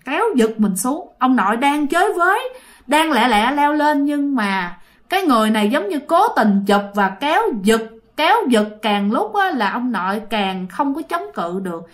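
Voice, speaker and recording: A woman narrating a ghost story in a chatty way, often addressing her listeners directly. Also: high-pitched.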